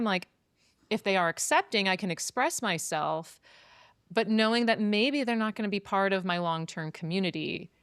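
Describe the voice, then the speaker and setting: A woman's voice: on the low side, fairly bright tone, smooth, no echo, clean studio sound. A woman hosting a podcast, explaining ideas in a chatty way with many fillers. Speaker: podcast host. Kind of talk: casual conversation.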